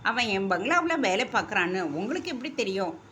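A woman voicing a wealthy young man who fires off sharp, commanding questions. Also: mid-range voice, very animated, a little fast, a little hiss or hum, voice pushed up. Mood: demanding. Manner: brusque, demanding questions.

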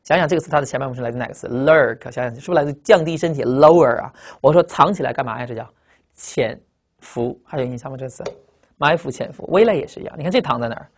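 Vocabulary teacher, recorded lecture, very fast delivery, emphatic, drawn-out phrase endings. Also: mid-range voice. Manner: brisk, emphatic, ends phrases with drawn-out particles.

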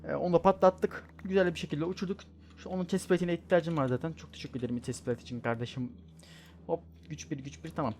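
A man giving playful gameplay commentary, rambling quickly, correcting himself mid-word and trash-talking the other players. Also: a little high, steady tone, a little mellow, slight background noise. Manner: joking, trash-talking at opponents; rapid, rambling chatter with self-corrections. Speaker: gaming YouTuber.

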